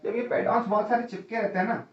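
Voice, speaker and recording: Here the lecturer, a man, talks fast in a high, steady tone while prepping students for an exam. Going one step at a time, he repeatedly checks "है ना?" and "ठीक है?" and calls them "भैया"; the audio is distant, roomy, dull and lo-fi.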